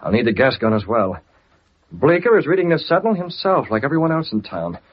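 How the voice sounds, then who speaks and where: An actor playing a confident, earnest newspaper publisher who is secretly a vigilante, in 1940s radio style. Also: male voice, mid-range voice, big pitch swings, fairly quick, noisy background, lightly acted. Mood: resolute. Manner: decisive, earnest. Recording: muffled old radio recording.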